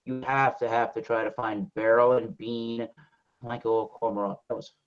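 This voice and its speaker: A man hosting a beer review show, chatting casually on a video call, animated and swearing freely. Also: medium pitch, moderate pace, clean tone. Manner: animated, profane, jokey. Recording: dull lo-fi call audio.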